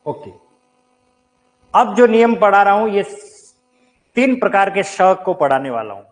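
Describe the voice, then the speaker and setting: A man's voice: sits high, big pitch swings, unhurried, rough recording. A man teaching a live online Hindi grammar class, talking straight to his viewers, quizzing them and answering his own questions. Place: teaching room with a board.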